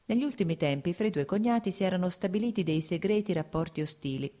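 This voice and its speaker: A woman narrating a novel aloud in a measured, even reading style. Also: on the low side. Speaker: audiobook narrator. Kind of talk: scripted narration.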